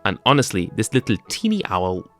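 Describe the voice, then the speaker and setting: A man's voice: on the low side, sing-song, fairly quick, fairly bright tone, faint music behind. A young man narrating a scripted tech-comedy video with jokey, sarcastic asides. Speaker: YouTube creator.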